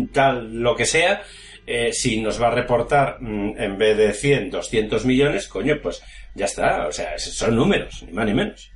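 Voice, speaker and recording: A man on a casual film podcast, sounding a little distant the microphone. He jokes around and reasons things out in loose asides. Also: medium pitch. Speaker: podcast guest.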